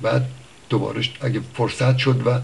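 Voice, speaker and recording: A man giving an informal spoken lesson on word origins. He thinks aloud, pauses often, corrects himself, and lifts his voice for examples. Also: mid-range voice, steady tone, gravelly. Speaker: language teacher.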